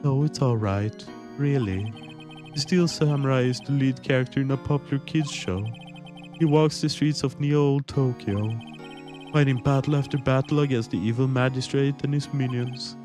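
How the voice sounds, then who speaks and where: A meek, earnest male actor, as a man plays him, explaining himself with small hesitations in a game fan dub. His voice sits at an ordinary middle pitch. Music plays clearly behind him. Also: moderate pace, mellow, lightly acted. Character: mild, sheepish male actor suspect.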